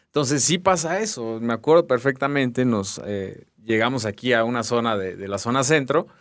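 A man's voice: mid-range voice, normal speed, dry recording, clean studio sound. A man with a Mexican accent, casually telling a personal story in a chat and acting out what others said to him. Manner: colloquial, acts out quoted speech.

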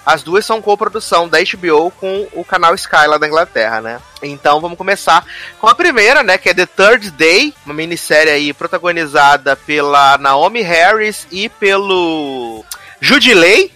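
Brazilian male podcast host, high bright voice, chatty and animated storyteller. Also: moderate pace, faint music behind. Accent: Brazilian Portuguese. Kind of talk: casual chat reviewing a TV series.

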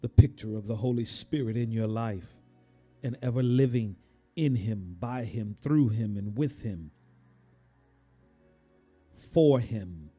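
Slow, deep-toned preaching pastor. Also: male voice, breathy edge, faint music behind. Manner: slow preaching cadence with sudden rises and hushed drops. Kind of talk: sermon.

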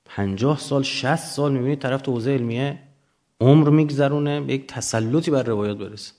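A man gives an extemporaneous lecture in a mid-pitched voice. He explains things didactically, setting up questions and then answering them as a teacher does with students. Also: mellow.

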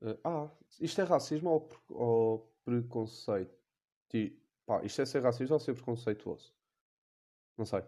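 Slangy young Portuguese comic podcaster. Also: male voice, mid-range voice, moderate pace, mellow. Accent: European Portuguese. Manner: rambling, slangy and crude, lots of filler. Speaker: podcast host. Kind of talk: comedic podcast monologue.

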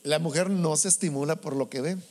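Male preacher, high and very lively voice, echoing hall, mains hum. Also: fairly quick. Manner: animated, rhetorical questions, acts out quoted voices. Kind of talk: sermon to a congregation.

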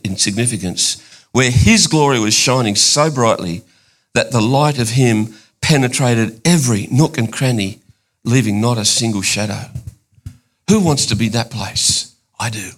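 An older man preaching a sermon, excitable, climbing to high emphatic bursts and then dropping low and intimate.

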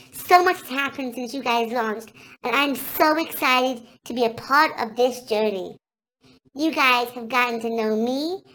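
A man voicing a chirpy, eager cartoon mascot boy in a comic podcast skit, talking in a bubbly, gushing way. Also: heavily acted. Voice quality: squeaky and bright. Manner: bubbly, gushing, slow and sing-song.

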